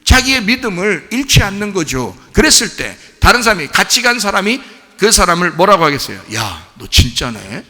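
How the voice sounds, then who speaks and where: A male pastor delivers a lively sermon in a bright, high voice that swoops up and down. He acts out quoted friends now and then in a lower voice. The sound carries a long reverb from a church hall. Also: fairly quick. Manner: animated preaching, acts out quoted friends in a low voice. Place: church sanctuary.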